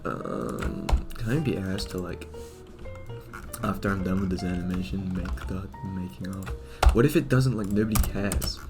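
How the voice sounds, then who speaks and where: A deep-voiced man speaks at normal speed in a steady tone, with music in the background. An animator and video creator, he talks to himself while animating at his computer, rambling and fretful, restarting often.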